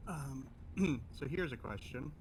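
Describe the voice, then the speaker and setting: A man with a medium-pitched voice plays a tabletop game and chats casually. The background is clearly noisy. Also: expressive, slow. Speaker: game player.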